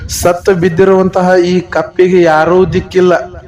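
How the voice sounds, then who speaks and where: A calm, wise old holy man speaks with slow solemnity, voiced by a male storyteller. His questions come gently, in a fairly high register.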